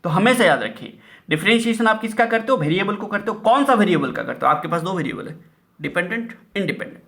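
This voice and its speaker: A man's voice: high-pitched, expressive, fast talker, gravelly, fairly bright tone. A man teaching math, repeating key terms and asking rhetorical questions, mixing Hindi and English. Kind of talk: classroom-style lecture.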